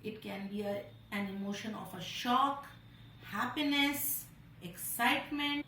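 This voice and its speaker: A woman's voice: medium pitch, a little slow, pushed and bright, far from the mic, a little hiss or hum. A woman with an Indian English accent, a primary school teacher patiently explaining punctuation to young children. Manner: patient, addresses children directly. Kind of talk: slow classroom explanation. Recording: echoey room, voice from off-mic.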